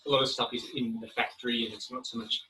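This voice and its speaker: A man joining an online workshop discussion over a video call, a bit breathless, talking in a loose, relaxed way. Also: medium pitch, fast. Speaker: webinar participant. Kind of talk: casual discussion. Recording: distant mic with faint noise.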